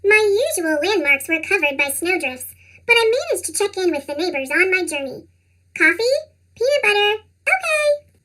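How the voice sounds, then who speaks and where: A storybook narrator reading to children in an animated, expressive way, with a squeaky pitched-up chipmunk cartoon voice. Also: brisk. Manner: animated, expressive read-aloud. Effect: pitched-up chipmunk voice effect.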